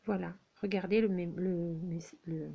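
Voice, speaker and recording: A woman's voice: fairly low pitch, steady tone, vocal fry, highs cut off, a little hiss or hum. A woman whose first language is French, teaching beginners at a whiteboard, patient and checking in often with her class. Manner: slow, patient, checks in with "d'accord?". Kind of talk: explaining at a whiteboard. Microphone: handheld camera.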